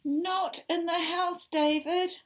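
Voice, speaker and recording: A woman's voice: on the low side, steady tone, slow, gravelly, fairly bright tone, voice pushed down, heavily acted. A woman voicing an exasperated mother scolding her little boy in a storybook read-aloud. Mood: stern.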